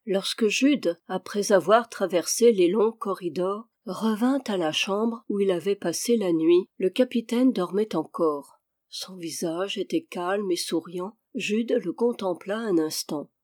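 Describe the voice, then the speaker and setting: A woman calmly reading a classic adventure novel aloud as an audiobook, giving the dialogue light voicing. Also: medium pitch, a little slow. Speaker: audiobook reader.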